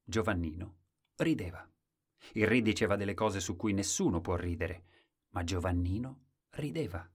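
A man's voice: sits low, normal speed, breathy edge. A man reading a fairy tale aloud in a dramatic, playful way. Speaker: storyteller. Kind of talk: expressive story reading.

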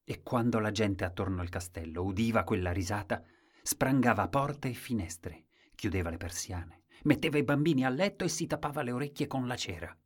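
A man's voice: fairly low pitch, fairly quick. A man reading a fairy tale aloud in a dramatic, playful way. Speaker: storyteller. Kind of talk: expressive story reading.

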